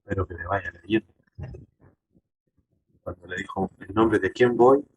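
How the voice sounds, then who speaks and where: A man's voice: low voice, unhurried, dull audio, a little hiss or hum. A man pastor teaching a Bible class to his congregation, emphatic, turning to them with direct questions. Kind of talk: church Bible lesson.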